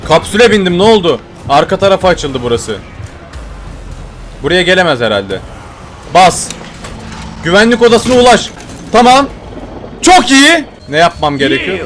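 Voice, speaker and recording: A man playing a horror game and commenting as he goes, yelling when startled and whispering while he sneaks. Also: high-pitched, big pitch swings, moderate pace, pauses often, faint music behind. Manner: jumpy, shouts when scared, drops to hushed muttering when sneaking. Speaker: gaming YouTuber.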